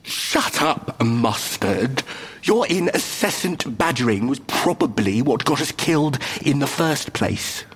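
A haughty ghost of a dinner-theater professor, with a put-on British accent. He speaks slowly in a husky voice that swings widely in pitch. His manner is theatrical and condescending. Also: animated, in a large hall. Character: pompous male murder-mystery actor playing a professor, ghost. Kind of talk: audio drama acting.

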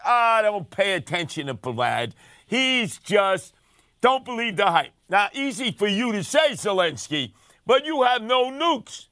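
Older New man, comic talk host, sarcastic and brash, bright edgy tone. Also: very high-pitched, no room sound, clean studio sound. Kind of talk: comic talk radio monologue.

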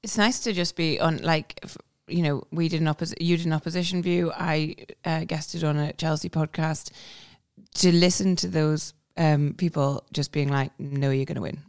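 A woman's voice: low voice, fairly even intonation, moderate pace, darkish tone, no room sound, studio quality. A woman talking casually as a football podcast panelist, chatty and prone to restarting her sentences. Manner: chatty, self-interrupting, laughs while talking.

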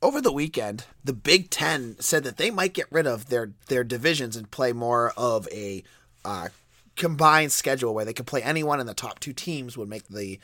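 A man with a stuffy, cold-congested voice that squeaks a little, hosting a solo sports podcast in a conversational, opinionated way. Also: expressive, normal speed, sharp tone, no echo, studio quality.

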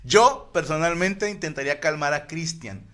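His voice sits a little high, animated and at a moderate pace: a man with a Mexican accent hosting a casual podcast. Bantering with the group, he reads listener messages aloud and jokes crudely about them.

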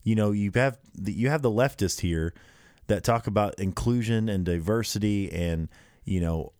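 A man's voice: on the low side, darkish tone, no room sound, studio quality. A man co-hosting a casual podcast, speaking emphatically with strong opinions and laughing easily. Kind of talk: casual conversational podcast chat.

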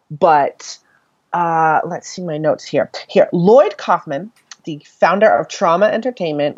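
A woman co-hosting a casual podcast, talking from notes in a halting way. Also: on the low side, dry recording, dull audio. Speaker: podcast co-host.

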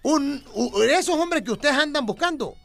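High, gravelly Guerrero-accented joke teller. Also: male voice, moderate pace. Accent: Mexican, coastal Guerrero. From Acapulco, Mexico. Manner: lively, playful storyteller. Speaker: radio comedian. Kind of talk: radio joke telling.

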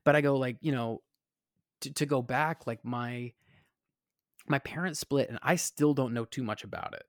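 A man's voice: mid-range voice, normal speed, pauses often, no room sound, clean studio sound. Rambling Southern-raised man telling stories. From American South. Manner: rambling with many fillers and restarts. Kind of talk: casual storytelling chat.

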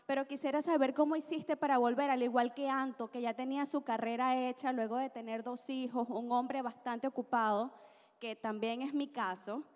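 A woman's voice: high-pitched, fairly even intonation, moderate pace. A woman in the audience at a live podcast, asking an earnest, slightly hesitant question. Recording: reverberant live venue.

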